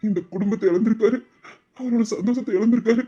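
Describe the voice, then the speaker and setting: A man's voice: very high voice, fast talker, mellow, husky, highs cut off. A man voicing a remorseful young man in a Tamil audio drama, confessing with tears. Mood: quiet resolve. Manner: emotional, confessional, tearful.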